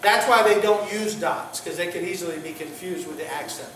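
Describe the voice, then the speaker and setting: A man leads a relaxed church classroom lesson, stumbling through fillers and restarts and trading jokes with the students. He is picked up from across the room, and his voice rings in the big, echoey space. A faint hiss sits under the whole recording. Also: high voice, distant mic. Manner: halting, many fillers and restarts, jokey with students. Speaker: pastor teaching a Greek class. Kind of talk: informal classroom teaching.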